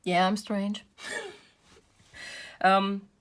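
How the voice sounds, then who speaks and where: A woman's voice: mid-range voice, flat delivery, very slow, smooth. A woman who hosts a craft channel, chatting casually while she works and rambling with self-deprecating laughs. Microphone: built-in camera mic.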